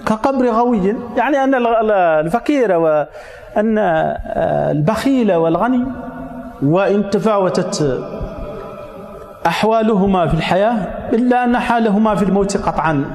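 A man's voice: high-pitched, animated, normal speed, pauses often, a little mellow. A man giving a grammar lesson, explaining step by step and stopping to check that his listeners have understood. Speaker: teacher of Arabic grammar. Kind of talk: classroom lecture. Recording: echoey hall reverb.

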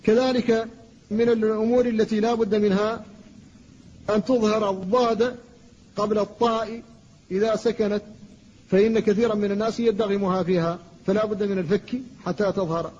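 A man teaching a classroom lecture, slowly and deliberately demonstrating how sounds should be pronounced. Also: high voice, fairly even intonation, a little mellow, in a large hall. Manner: slow, deliberate demonstrations of pronunciation. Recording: dull lo-fi recording with faint noise.

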